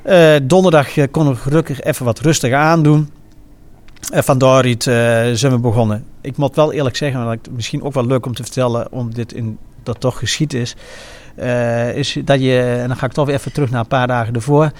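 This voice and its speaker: A man with a regional eastern Dutch accent reminiscing informally, speaking in a halting way and often pausing mid-sentence. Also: medium pitch, fairly even intonation, a little mellow. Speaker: former carnival prince and innkeeper recounting his carnival.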